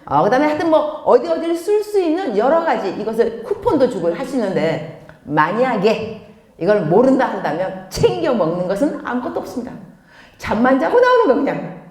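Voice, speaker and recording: A middle-aged woman pastor giving a lively sermon, telling stories with acted-out dialogue. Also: a little high, a little fast. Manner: animated storytelling with acted quotes and laughter. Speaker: pastor and missionary. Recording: echoey hall.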